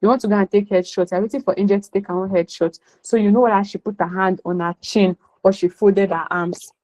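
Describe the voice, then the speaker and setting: A woman's voice: mid-range voice, fairly even intonation, a little fast, darkish tone, rough recording. A woman with a Nigerian accent gives an emphatic motivational class talk as a career coach, slipping in Pidgin phrases.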